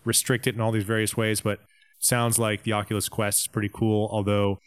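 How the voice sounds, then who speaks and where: A man's voice: fairly low pitch, brisk, clean tone, dry recording. Man, podcast co-host, casual gaming chat, rambling, clean resonant voice, dry mic. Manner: relaxed, lists things, many "um"s and "you know"s.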